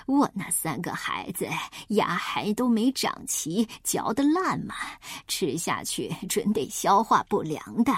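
A woman voicing a hungry, sly father wolf in a storybook reading, talking low and matter-of-fact as he coaxes his prey. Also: very animated, measured pace, hardly any pauses, husky, no room sound, studio quality. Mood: scheming.

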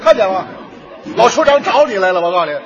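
A man performing stage crosstalk as the teasing, scolding straight man, with a husky voice. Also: sits high, animated, fast, big-room sound, highs cut off, a crowd in the background, noisy background. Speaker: crosstalk comedian.

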